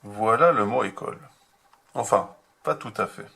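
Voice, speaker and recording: Gravelly, husky man teaching small children. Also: lowish voice, sharp tone. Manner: slow, patient, spells out each step for children. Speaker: kindergarten teacher. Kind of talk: remote handwriting lesson for young children.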